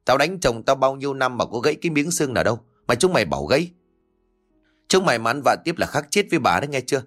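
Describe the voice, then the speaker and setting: A man voicing a stout, hot-tempered middle-aged village woman, scolding loudly and fast. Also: mid-range voice, sing-song, faint music behind.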